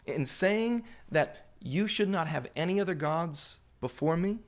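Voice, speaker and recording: A man preaching a sermon to a congregation, explaining scripture in deliberate, emphatic phrases with pauses, repetition and rhetorical questions. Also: a little high, expressive. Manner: rhetorical questions put to listeners. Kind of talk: sermon, Bible exposition to a congregation.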